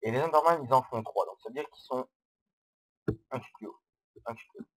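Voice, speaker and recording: A man giving casual, hesitant gameplay commentary, explaining step by step on a low-quality microphone. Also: brisk. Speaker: Minecraft let's-player.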